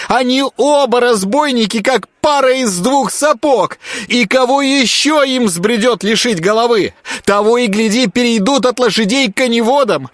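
A man's voice: very high-pitched, a bit bright, no room sound, pitched above the performer's own voice. A man voicing a middle-aged village wife who wails and shrieks accusations in an audiobook. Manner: wailing, shrieking.

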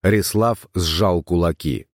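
A man narrating an adventure audiobook in steady storytelling. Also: deep voice, slow, dry recording, studio quality.

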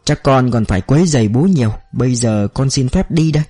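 A man's voice: mid-range voice, animated, a little fast, warm tone, slightly rough, soft background music. A man voicing a polite young male police agent in a read-aloud novel, speaking respectfully and deferentially.

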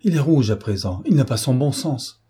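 Mother figure: anxious, imploring older woman, read by a man, husky tone. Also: medium pitch, lively intonation, normal speed, mellow, voice pushed up. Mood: pleading. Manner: imploring, wavering. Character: pleading anxious mother of an adult son.

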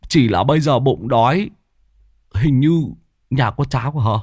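A man voicing a brisk, teasing old male exorcist, chiding and joking. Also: mid-range voice, darkish tone, husky, no echo, studio quality. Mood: bantering.

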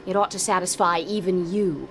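An actress playing a young princess and rebel leader in a space-opera radio drama, commanding and cutting. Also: female voice, lowish voice, normal speed, very noisy, lightly acted. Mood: commanding, cool.

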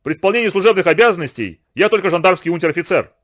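A bossy gendarme sergeant barks his commands, loud and curt, put on by a man reading aloud. The delivery swings widely in pitch and stays hard-edged. It comes across as an audiobook character. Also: lively intonation, very fast, no echo, studio quality. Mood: gruff. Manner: barking, commanding.

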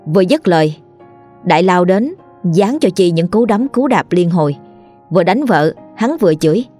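A woman tells a ghost story in a low, unhurried voice, lingering sorrowfully over the words. Faint music plays behind her. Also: animated, dark tone.

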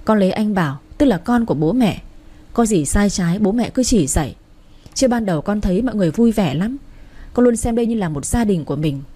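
A woman's voice: medium pitch, animated, brisk, mellow, breathy edge. A woman voicing a hurt young city-born wife who pleads politely with her in-laws. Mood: hurt pleading.

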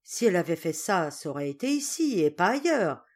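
Figure: stern old spinster sister voiced by a woman narrator. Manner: brusque, commanding. Pitch: slightly low. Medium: storybook. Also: big pitch swings, brisk, darkish tone.

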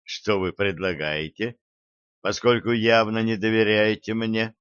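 A man voicing Archer, a bitter male schemer who talks calmly and smiles as he lays out his plan. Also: on the low side, measured pace, smooth, dry recording, dull audio. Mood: calm scheming.

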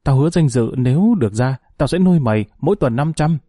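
A man's voice: medium pitch, animated, quick pace, dark tone, dry recording, studio quality, lightly acted. A man doing a wailing, desperate prisoner. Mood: pleading. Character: panicked pleading male prisoner, a driver.

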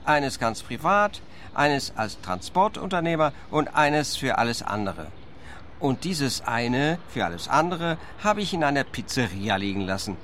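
An actor playing a grumpy, impatient van driver in a radio drama, harried and exasperated. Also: male voice, medium pitch, very animated, a little slow, fairly bright tone, a little hiss or hum. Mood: grudging.

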